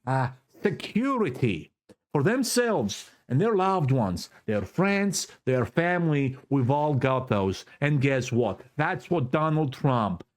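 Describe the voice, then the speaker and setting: Recording himself on his own camera, a fervent Greek Cypriot vlogger delivers an impassioned political monologue as if preaching from a pulpit. He speaks slowly over every phrase, with big emotional pitch swings, and repeats key words twice to hammer them home.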